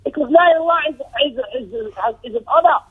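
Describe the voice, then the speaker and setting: Speaking fast in an extremely high pitch, a man teaches an Islamic lesson as a religious teacher, commenting on a text. He is emphatic, repeats phrases, asks rhetorical questions and moves into Arabic recitation. The sound is tinny and narrow, as if over a telephone.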